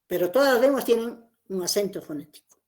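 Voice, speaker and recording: A female teacher walks her class through phonetics in a lecture, explaining, repeating key points, and checking in with "¿no?". Her medium-pitched, darkish voice is lively in intonation and a little fast.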